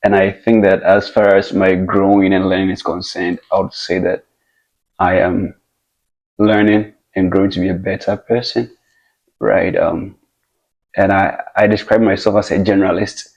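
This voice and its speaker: Man from Ghana, very low voice, monotone, hesitant and reflective, slightly dull audio. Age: young adult. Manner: measured, reflective, with many hesitations. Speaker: guest. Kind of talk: casual interview conversation.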